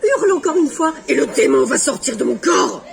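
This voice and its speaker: A woman's voice: high voice, sing-song, fairly quick, creaky, heavy background noise, full character voice. A woman voicing a firm, weary mother with a sarcastic edge. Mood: stern.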